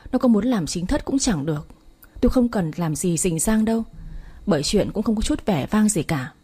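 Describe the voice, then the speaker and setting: A woman's voice: mid-range voice, mellow, husky. A woman reading the part of a worried, stern middle-aged mother who scolds her daughter. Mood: resigned. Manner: scolding, reproachful. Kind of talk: audiobook story reading.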